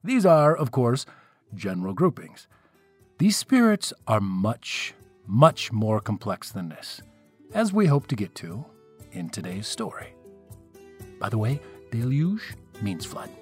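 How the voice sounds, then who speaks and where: A man's voice: medium pitch, sing-song, slow pace, husky, soft background music. A man telling a myth in a playful, wry way, with casual asides to the listeners. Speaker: storyteller. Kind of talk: casual storytelling narration of myths.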